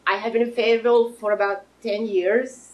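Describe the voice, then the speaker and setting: This woman's voice sits on the high side, with fairly even intonation and a moderate pace, though the audio is dull. She's in her thirties, from Russia, and pitches her fitness business to a live audience in an informal, friendly way, stumbling into restarts and fillers.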